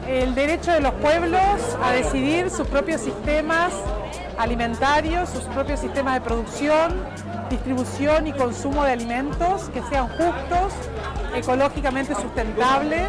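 A woman's voice: sits high, normal speed. A woman activist firmly listing points in a public statement at a forum. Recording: loud crowd and music behind. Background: loud crowd and music.

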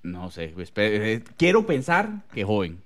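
A man's voice: on the low side, unhurried. A man with a Costa Rican accent, co-hosting a podcast in casual chat and acting out voices as he tells a story. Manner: animated, acts out voices in his stories. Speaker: podcast co-host.

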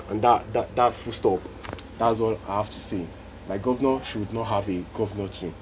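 A man's voice: fairly low pitch, a little mellow, slight background noise, low-quality recording. A Nigerian man hosting a casual solo podcast, speaking earnestly and repeating his points for emphasis. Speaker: podcast host.

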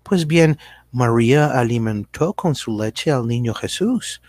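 In a satirical radio drama, a man plays a slick, evasive American businessman selling his multinational company, speaking hesitant Spanish with an American accent and slipping in English words. His tone is persuasive and grandiose, with a medium-pitched, darkish, expressive voice delivered unhurriedly and with no echo.

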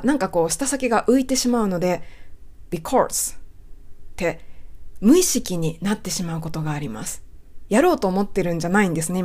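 Woman pronunciation teacher, polite and patient, whispers the example words, mid pitch. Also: darkish tone. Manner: polite, explains step by step, models sounds by whispering them. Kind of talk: explanatory lesson talk.

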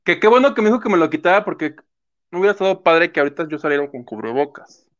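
A man's voice: on the high side, animated, rapid-fire. A man co-hosting a live show, asking questions and reading viewer messages aloud with dry, self-mocking asides. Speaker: co-host. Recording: muffled lo-fi sound.

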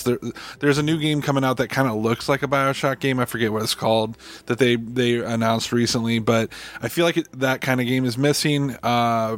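Brief: relaxed male co-host, mid-pitched, rambling thoughtfully. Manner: thoughtful, loose, frequent fillers. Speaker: podcast co-host. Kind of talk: casual podcast chat.

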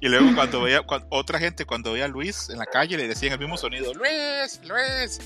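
A man's voice: mid-range voice, fast talker, a crowd in the background. A man in his thirties with a Mexican accent, telling stories in casual chat. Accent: Mexican Spanish. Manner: storytelling, mimics voices with laughter. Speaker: podcast co-host.

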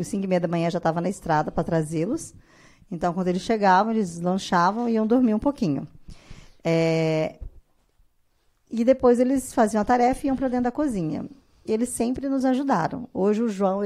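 A woman's voice: medium pitch, brisk. A woman from Brazil in her thirties chats as a podcast guest. She tells her stories with energy and puts on a raised voice when she quotes others. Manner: animated storyteller, acts out quotes in a raised voice. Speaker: guest, artisan biscuit maker. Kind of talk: casual podcast interview.

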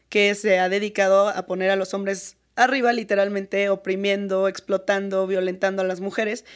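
A young woman with a Mexican accent, speaking earnestly and with animation as a guest in a casual interview, often breaking into laughter. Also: medium pitch.

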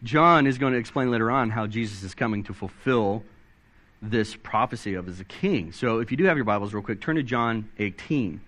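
A pastor preaches a sermon in a brisk, excitable, animated way. He reads scripture aloud, and his pitch swings up and down as he stresses his points.

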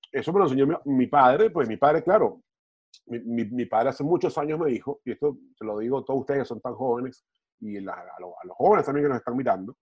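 A man's voice: medium pitch, expressive, fairly quick, a little mellow, slightly rough, lo-fi sound. A middle-aged man, a football TV panelist talking casually on a podcast, rambling and restarting his words. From Venezuela.

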